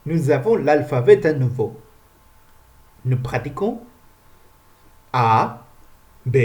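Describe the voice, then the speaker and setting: Slow, deliberate male pronunciation teacher. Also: medium pitch. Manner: repeats each sound slowly and clearly.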